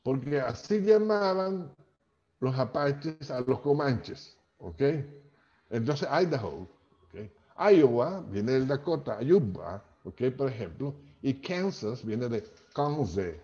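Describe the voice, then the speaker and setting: A linguistics professor from Maracaibo, Venezuela, lectures chattily over a video call, often checking in with "¿ok?" at the ends of lines. His voice is medium-pitched and mellow, and he speaks slowly but with a lot of animation. The video call audio sounds dull and lo-fi.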